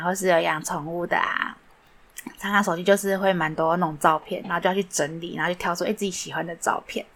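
A woman's voice: fairly low pitch, a bit bright. Chatty woman podcast host. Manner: chatty, lots of fillers and asides. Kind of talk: casual storytelling monologue.

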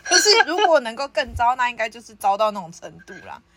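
Young woman, a bit high-pitched, a podcast host telling her own story in casual chat with frequent laughs. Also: brisk. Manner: lively, laughs often while telling the story.

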